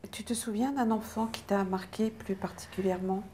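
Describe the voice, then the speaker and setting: A woman conducts an interview in a mellow, relaxed voice. She asks brief questions and nudges the guest along with short acknowledgements. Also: medium pitch, normal speed, slight background noise. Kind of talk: conversational interview.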